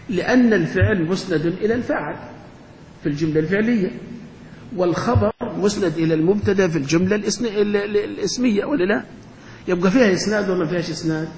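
A man's voice: high-pitched, darkish tone. A man, a sheikh teaching grammar to a class, quizzing his students and answering his own questions. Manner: asks the class questions and answers them himself. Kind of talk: classroom lecture. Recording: echoey hall, dull lo-fi sound, faint hum.

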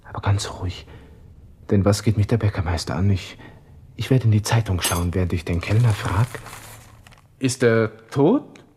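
A man's voice: fairly low pitch, moderate pace, pauses often, darkish tone, slight background noise, close to an everyday voice. An actor playing a hot-headed, self-absorbed young Austrian army lieutenant with a Viennese accent, muttering his thoughts in a radio drama. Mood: tense, suppressed excitement. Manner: agitated muttering to himself, switching to feigned casualness. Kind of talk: radio drama interior monologue.

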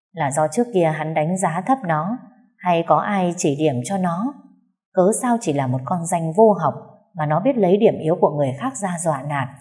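A woman narrating a dramatic family story in an expressive storytelling voice. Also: fairly low pitch.

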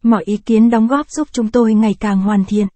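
A woman narrating a short story in scripted reading, in an even, measured way. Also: fairly high pitch, no room sound.

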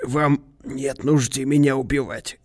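A man voicing a proud, tormented middle-aged actor who speaks slowly with an icy calm. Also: mid-range voice, no room sound, clean studio sound, lightly acted.

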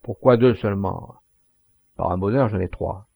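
A man reading the part of a crafty, mocking poacher in a storybook, voicing him with cheeky, shouted taunts and a gravelly voice. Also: lowish voice, moderate pace, dry recording. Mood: sly.

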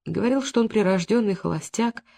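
A narrator giving an even, measured audiobook reading. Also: medium pitch, vocal fry.

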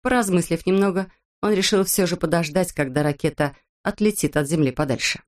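A woman narrating a children's storybook in an even storytelling manner. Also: on the low side, a little fast. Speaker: audiobook narrator.

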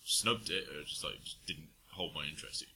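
A man with a deep voice co-hosts a podcast, rambling through a casual chat at a fairly quick pace with lots of ums, fillers and restarts. He sounds bright and slightly sharp and hesitant, and faint noise sits beneath the recording.

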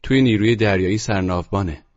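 A man's voice: fairly low pitch, a little mellow, highs cut off, voice pushed up, natural voice. A man voicing an inquisitive, polite teenage girl who keeps asking questions in an audiobook story. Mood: curious. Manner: persistent, questioning.

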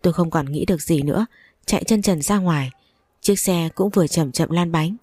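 A woman narrates a story in the first person, her reading heavy with sorrow. Her voice sits low with a dark, mellow tone. The sound is dry and close, with no room around it. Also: fairly quick, husky, no echo.

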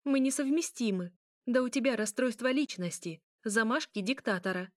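A woman voicing a fiery, exasperated young female vampire princess who shouts and pleads. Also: normal speed, no echo, clean studio sound, natural voice. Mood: angry. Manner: shouting, pleading, high-strung.

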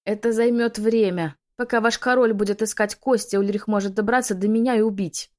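A woman voicing a desperate young pregnant witch who pleads and shouts in a raised, loud voice. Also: on the low side, fairly quick, lightly acted. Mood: pleading.

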